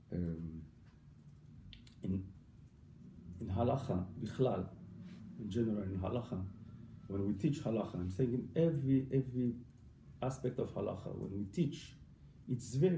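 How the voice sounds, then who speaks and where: A rabbi with a gravelly, dark, lowish male voice gives an informal lesson on family purity law. He speaks haltingly, repeats words, and mixes in Hebrew and Yiddish terms. The room is echoey, with faint noise in the background.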